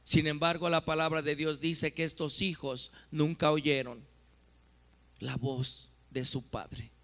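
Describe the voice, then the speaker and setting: A man pastor delivering a sermon in an emphatic, drawn-out preaching manner. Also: a little high, little pitch movement, fairly bright tone. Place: church.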